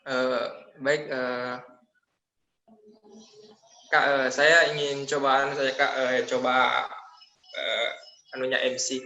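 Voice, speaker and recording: A man's voice: mid-range voice, flat delivery, takes it slowly, long pauses, pushed and bright. A young man, a student trainee, speaking hesitantly with many fillers. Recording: roomy echo on call audio.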